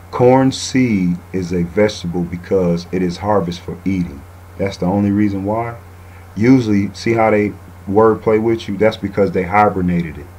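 A man's voice: low voice, a little slow, a little mellow, slight background noise, low-quality recording. A man hosting an online radio show, reading passages aloud and then commenting loosely, often ending lines with "man.". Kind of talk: casual talk-radio commentary.

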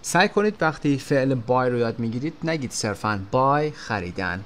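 Male English teacher, mid-pitched voice, slow English phrases with quick explanations. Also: animated, a little hiss or hum. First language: Persian. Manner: explains each phrase slowly in English, then quickly in Persian. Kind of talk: textbook lesson walkthrough.

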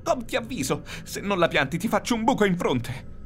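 A man voicing a terrified spaceship crewman who yells shrilly in a hoarse voice. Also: big pitch swings, brisk, soft background music. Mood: threatening. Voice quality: hoarse from coughing. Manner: shrill, yelling in panic.

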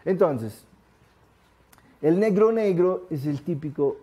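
Male lecturer, slightly high mellow voice, lively, acts out examples for the crowd. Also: slow pace, slightly rough. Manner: lively, asks the audience rhetorical questions. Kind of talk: live lecture to an audience.

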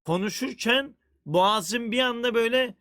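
Casting: crude joking game streamer, man, high bright voice, faint music behind. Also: normal speed, slight background noise. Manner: crude, profane, joking banter. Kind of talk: casual livestream chat.

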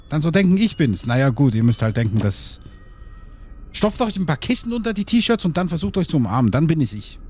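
A man's voice: on the high side, a little mellow, breathy edge. A man hosting a horror game let's play, chatting playfully and rambling to his viewers and chat. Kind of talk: casual gameplay commentary.

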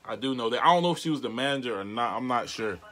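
American man, twenties, mid pitch, casual prank-call vlogger, slangy, halting, bedroom recording. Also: expressive, a bit bright. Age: 20s. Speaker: prank caller and video host. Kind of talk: casual prank vlog, speaking to phone and camera. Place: small bedroom, indoors. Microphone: device mic at arm's length.

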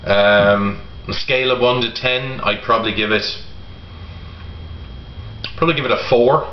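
Echoey, halting middle-aged man reviewing casually. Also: mid-range voice, fairly even intonation. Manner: halting, pausing often. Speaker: product reviewer. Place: home kitchen, indoors. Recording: roomy echo, dull sound, faint noise.

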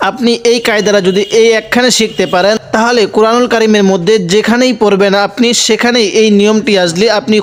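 Bangladeshi guy teaching quran reading, spells letters out one by one, high clean resonant voice, asks then answers himself. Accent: Bangladeshi Bengali. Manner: spells letter by letter, then recites slow drawn-out Arabic; poses and answers his own questions. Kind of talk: spelling-out recitation lesson.

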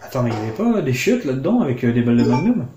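A man commenting on a video game he plays, joking and sarcastic, breaking into excited outbursts. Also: medium pitch, very fast. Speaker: let's play commentator. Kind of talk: casual gameplay commentary. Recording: roomy sound with game music behind.

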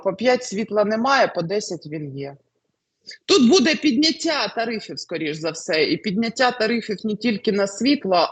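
A woman's voice: medium pitch, slightly rough. A woman tarot reader answering questions, hesitant with many fillers. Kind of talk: interview answers, fortune-telling.

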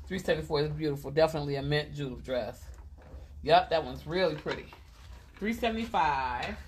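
A woman's voice: low-pitched, brisk, a little hiss or hum. A woman hosting a casual live clothing sale from a boutique, chatty and repeating item numbers and prices. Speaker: host selling clothes on a live stream.

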